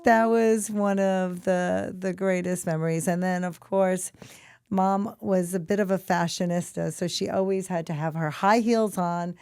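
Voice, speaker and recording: A middle-aged woman hosting a heartfelt talk show, gentle and affectionate, who calls her guests honey. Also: on the low side, steady tone, measured pace, clear, resonant tone, dry recording, clean studio sound. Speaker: podcast host. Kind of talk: heartfelt conversation and closing reflection.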